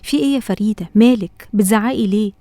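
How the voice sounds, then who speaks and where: A woman with an Egyptian accent voicing a loving, patient mother in a cartoon, talking gently and coaxingly. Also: mid-range voice, fast, no room sound, studio quality, close to an everyday voice. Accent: Egyptian Arabic. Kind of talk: cartoon voice acting.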